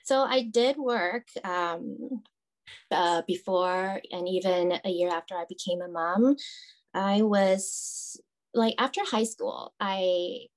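A woman from Taiwan in her thirties, chatting as a podcast guest, soft-spoken and chatty with frequent fillers and light laughs. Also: mid-range voice, slow. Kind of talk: casual interview conversation.

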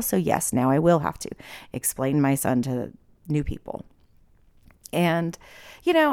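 A woman's voice: low voice, gravelly, darkish tone, no room sound. A middle-aged woman hosting a podcast, telling a personal story in a casual, emotional way, laughing and sometimes dropping to a whisper. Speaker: podcast host.

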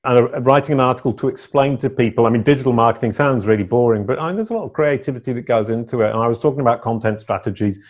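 This English guest, middle-aged, races through his stories in a mid-range voice with hardly any pauses, full of animated, playful emphasis in a casual interview. The recording has its highs cut off.

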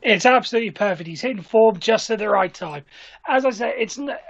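A woman from Wales in casual football chat as a pundit, jokey and animated. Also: on the high side, a little fast, creaky. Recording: dull lo-fi audio.

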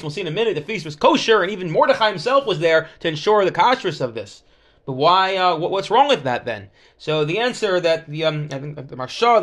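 High-pitched man teaching a Talmud class. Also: fairly bright tone. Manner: explanatory, stop-and-start, poses questions and answers them.

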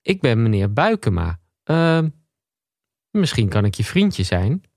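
A man voicing a shy, lonely gentleman in a comic bedtime story, who stammers and repeats his words. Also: mid-range voice, very animated, a little slow, creaky, no room sound, clean studio sound, exaggerated voice. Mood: startled, stammering.

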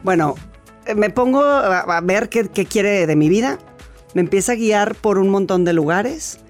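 A Mexican woman speaks as an interview guest in a chatty, storytelling way, often restarting her sentences mid-thought. Her voice sits at a middling pitch, with faint music underneath. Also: lively intonation, normal speed. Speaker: laughter therapy expert guest. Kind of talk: conversational interview.

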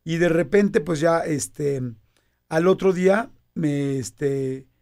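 A Mexican man in his fifties telling a personal story in casual conversation, animated and acting out quoted dialogue. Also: a little high, takes it slowly, gravelly.

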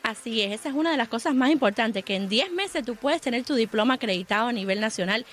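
A woman visiting a radio show as a school representative, talking in a clear, informative sales tone. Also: fairly high pitch, lively intonation, quick pace, a little hiss or hum. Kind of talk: promotional radio interview.

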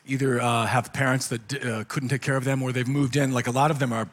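A man's voice: mid-range voice, level tone, fast talker. A man hosting a casual interview, prompting his guest with questions. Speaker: host.

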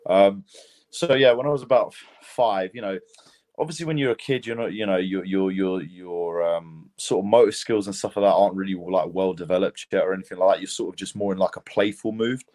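A man's voice: low-pitched, brisk, darkish tone. A young man from Lithuania with a British accent, a fighter telling his story in a casual podcast interview, rambling and laid-back with lots of fillers. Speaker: mixed martial arts fighter, guest.

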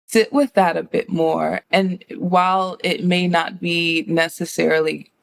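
Speaking low with a creaky quality, an American horror writer and director appears as an interview guest. She is reflective and conversational, putting her thoughts into words with care.

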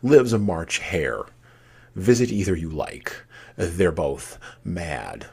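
Man reading as the deep, riddling Cheshire Cat. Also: very animated, slow, vocal fry, darkish tone, husky, heavily acted. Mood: coolly helpful. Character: male grinning, good-natured, mad talking cat.

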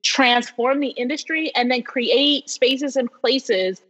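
A woman from New York in her forties, a professor telling stories as an interview guest in an animated way, laughing often. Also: sits high, takes it slowly, husky. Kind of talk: casual storytelling interview. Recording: dull lo-fi sound with long reverb.

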